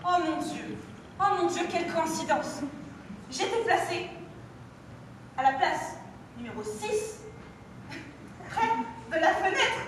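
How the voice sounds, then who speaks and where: A teenage girl plays a prim English lady, exclaiming in exaggerated astonishment. The voice sits high. It comes from a distance in a strongly echoing hall, with clear noise behind it. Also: expressive, slow pace, pauses often, fairly bright tone, full character voice. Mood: astonished. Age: teens. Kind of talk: amateur stage acting. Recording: echoey hall, from far off, noisy.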